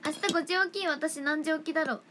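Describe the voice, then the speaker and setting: A young woman idol chatting casually on a livestream, reading fan comments in a playful, chatty way that sometimes drops into soft whispers, close to the mic. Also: high-pitched, fairly quick, heavy background noise.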